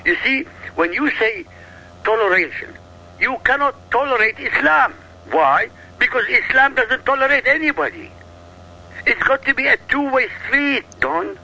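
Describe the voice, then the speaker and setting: A man's voice: very high voice, expressive, moderate pace, bright, forceful tone, husky, low-quality recording. A man from Iraq giving emphatic, insistent political commentary as a talk show guest, driving his points home with rhetorical questions.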